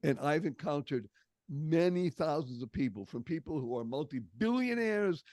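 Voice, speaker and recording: A man's voice: on the high side, lively intonation, moderate pace, a little mellow, no echo. An older man from the Boston area with a Boston accent, a podcast guest telling stories expressively and stressing key words. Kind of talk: storytelling interview.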